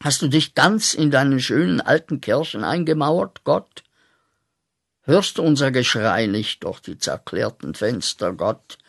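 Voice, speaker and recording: Radio play: a bitter young war veteran railing at God. Slow and gravelly with a husky edge, going from muttered to shouted. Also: male voice, mid-range voice, sing-song, heavily acted.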